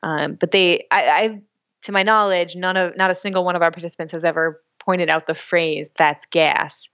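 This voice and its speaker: A woman's voice: on the low side, steady tone, brisk, a bit bright, clear, resonant tone, lo-fi sound. A woman language researcher answering interview questions with enthusiasm.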